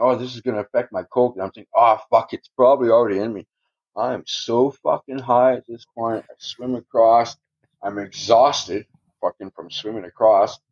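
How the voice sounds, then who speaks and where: A man's voice: fairly low pitch, a little mellow. A man telling a long personal story in casual podcast talk, swearing a lot and chuckling as he rambles. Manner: profane, rambling, chuckles often. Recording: dull lo-fi recording.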